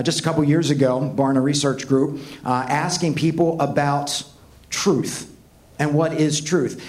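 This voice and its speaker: A man's voice: a little high, a little mellow. A man preaching a sermon to students, earnest and emphatic, full of rhetorical questions.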